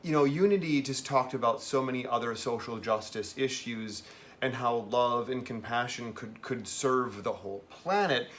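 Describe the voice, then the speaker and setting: A man's voice: medium pitch, moderate pace, fairly bright tone. Campy, wry man chatting casually. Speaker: host reviewing a documentary. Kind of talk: casual conversational film review.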